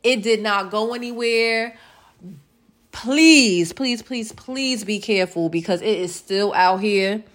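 A woman in her late thirties hosts a casual solo podcast in a mid-range, fairly bright voice. She is chatty and playful, repeating words and filling pauses with "um."

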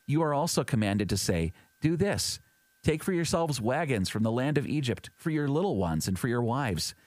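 A man reading scripture aloud in a measured, even way, giving quoted speech in his plain voice. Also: mid-range voice, dry recording. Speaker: scripture reader. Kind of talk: steady scripted Bible reading.

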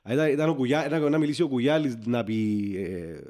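Mellow Cypriot Greek man, halting delivery. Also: medium pitch, animated. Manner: halting, circles back and repeats himself. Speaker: football fan podcast panelist. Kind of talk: casual football chat.

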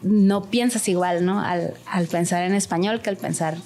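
A woman's voice: fairly low pitch, normal speed, a little mellow. A woman with a Mexican accent from Sinaloa, a translator and language school director, chatting in an interview and explaining things with lots of fillers. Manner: chatty, explanatory, with many fillers like este and pues. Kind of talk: casual interview chat.

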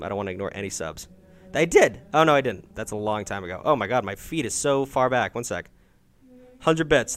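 A young man hosts a casual live stream, reading out chat and taking calls. His pitch is mid-range but swings widely as he reacts with loud, swearing outbursts and quick jokes.

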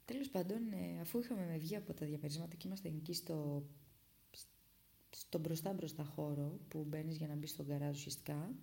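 Young woman from Greece, vlogger telling her own story; low, gravelly voice, dark tone, dramatic whisper-to-burst delivery. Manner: dramatic retelling that swings between hushed whispers and loud bursts. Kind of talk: casual storytelling.

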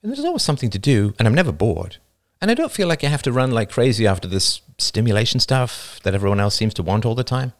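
A man reading the part of a content, earnest teenage girl in an audiobook, reflective and unhurried. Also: mid-range voice, sing-song.

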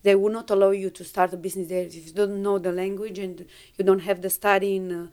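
A Romanian woman in her fifties, speaking English as a second language with a Romanian accent, appears as a guest in a conversational podcast interview. Her voice is medium-pitched and clean. She speaks haltingly as she searches for words but grows animated when retelling events.

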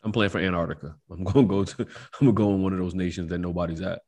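An American man co-hosting a podcast, talking in a loose, slangy, animated way. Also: low-pitched, racing. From United States. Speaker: podcast co-host. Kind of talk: casual chat.

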